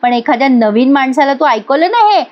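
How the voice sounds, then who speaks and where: A woman's voice: high voice, animated, moderate pace. Woman reading as Kala, a scolding young woman. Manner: indignant, scolding. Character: feisty young woman sculptor, proud, sharp-tongued. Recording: dull lo-fi recording.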